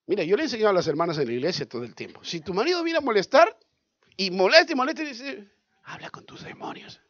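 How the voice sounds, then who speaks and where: A male pastor, preaching a sermon in an animated way, asking questions and acting out scenes. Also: sits high, racing, dull audio. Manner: animated, asks the congregation questions, acts out scenes.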